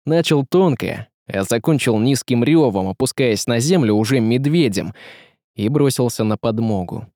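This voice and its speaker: A man reading an audiobook with lively, dramatic storytelling. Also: medium pitch, moderate pace, dry recording, studio quality. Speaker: audiobook narrator. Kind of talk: scripted audiobook narration.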